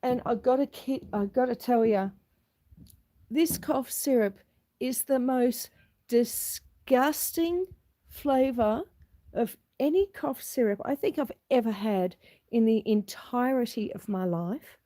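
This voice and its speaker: Her voice hoarse and husky from a cold, a middle-aged Australian woman casually welcomes viewers to a live stream from her homestead, recording outside with her phone camera. She pitches somewhat high, takes things slowly, and has a dark tone.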